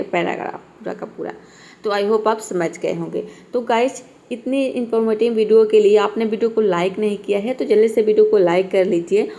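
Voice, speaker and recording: A woman's voice: mid-range voice, dark tone. A woman teaching English spelling rules, explaining patiently and repeating each point with questions she then answers. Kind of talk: spoken English lesson.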